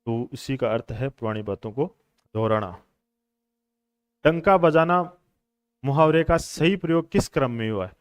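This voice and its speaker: A man leads a coaching lesson on questions, patiently repeating each answer for his students. His voice sits a little high and sounds smooth and clear. The room is dry and close to the mic. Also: dry recording. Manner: explains patiently, repeats answers, addresses students as brothers and friends. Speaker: exam coaching teacher. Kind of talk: classroom lecture on Hindi exam questions.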